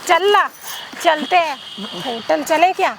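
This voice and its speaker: A woman playing a scheming, domineering married aunt who taunts and threatens, scolding with rapid questions. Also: very high-pitched, gravelly, fairly bright tone, slight background noise, full character voice. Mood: taunting. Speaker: actor in a short drama. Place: outdoors in a public place.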